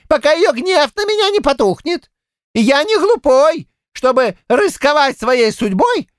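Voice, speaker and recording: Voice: high-pitched, fairly bright tone, dry recording, studio quality. A performer voicing a garrulous, boastful old Cossack man who rambles in folksy village speech, in an audiobook. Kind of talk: audiobook character voice.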